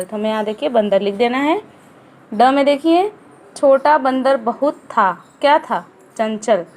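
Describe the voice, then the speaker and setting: A woman teaching a first-grade class, speaking slowly and patiently, asking questions and answering them herself. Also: sits high, a little mellow. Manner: slow, patient, asks and answers her own questions. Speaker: primary school teacher. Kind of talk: online class lesson.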